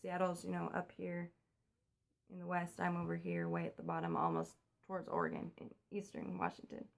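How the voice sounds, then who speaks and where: A woman's voice: fairly low pitch, vocal fry. Chatty young woman vlogging at home. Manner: chatty, talks fast, keeps voice down. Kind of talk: casual home vlog. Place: home at night. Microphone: phone.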